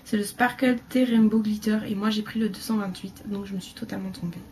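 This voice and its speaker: A woman chatting casually through a beauty haul video, rambling with fillers and dropping into quiet asides. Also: medium pitch, fairly even intonation, fairly quick, slight background noise. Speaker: beauty vlogger.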